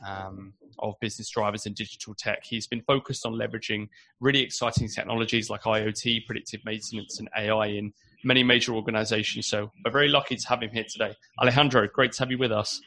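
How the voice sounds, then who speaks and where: A man's voice: on the low side, steady tone, fast, pushed and bright. A man hosting an interview, friendly and casual, often restarting his sentences. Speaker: host.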